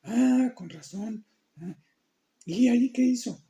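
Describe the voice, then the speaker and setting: A man's voice: very high voice, creaky, warm tone, full character voice. Man doing an eager, curious story listener. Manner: exclaiming, quick to sympathize. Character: eager curious listener who keeps asking questions.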